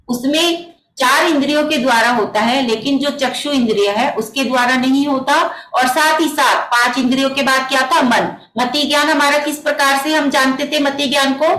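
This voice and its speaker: High-voiced woman teaching patiently online. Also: a bit bright, roomy sound, low-quality recording. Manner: patient, explaining step by step with rhetorical questions. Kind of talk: online religious text class. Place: home on a video call. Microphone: computer mic on a video call.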